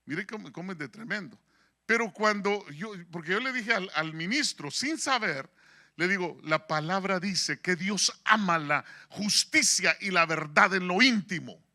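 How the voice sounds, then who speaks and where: A man preaching a sermon as pastor, an animated storyteller who acts out quoted dialogue. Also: high-pitched, a little slow. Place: church in San Diego.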